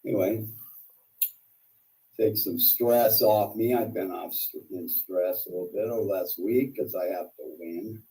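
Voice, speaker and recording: A man's voice: deep voice, unhurried, warm tone. A man hosting a casual, rambling live stream with a combative, profane way of talking. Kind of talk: casual rambling livestream monologue. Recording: distant microphone.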